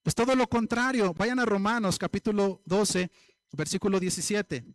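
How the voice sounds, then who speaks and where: A man's voice: high voice, steady tone, moderate pace. A man preaching a sermon as pastor, addressing the congregation directly and acting out everyday voices.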